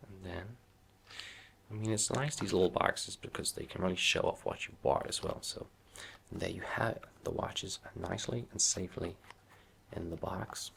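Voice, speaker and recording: A man doing a softly spoken whispered role-play as a watch shop salesman, with reassuring customer-service patter in a low, gravelly voice. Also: normal speed, slight background noise.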